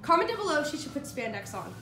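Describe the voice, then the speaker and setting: A woman's voice: high-pitched, very animated, rapid-fire. A teenage girl with bronchitis, chatting playfully while vlogging to her camera. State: has bronchitis. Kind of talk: casual vlog chat.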